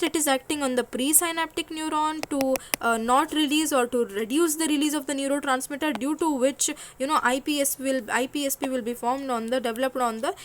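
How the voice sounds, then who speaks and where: High-voiced woman, halting lecture. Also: a little hiss or hum. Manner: hesitant, many fillers and self-corrections. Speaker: physiology lecturer. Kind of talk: explanatory lecture.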